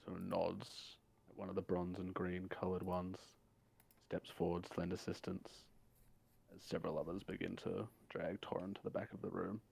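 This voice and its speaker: A man running a tabletop game as game master, narrating calmly and plainly. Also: low-pitched, moderate pace, creaky, breathy edge.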